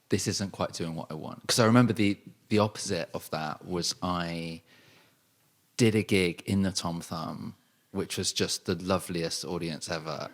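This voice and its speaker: Host, man, very low voice, thoughtful conversational poet. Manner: thoughtful, searching, reflective phrasing. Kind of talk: casual conversational interview.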